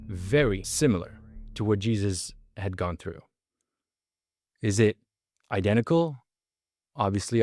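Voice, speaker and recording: In a clean, dry studio recording, a man with a lowish, somewhat mellow voice recounts his life as an earnest personal testimony. He repeats phrases and stretches out key words to stress them.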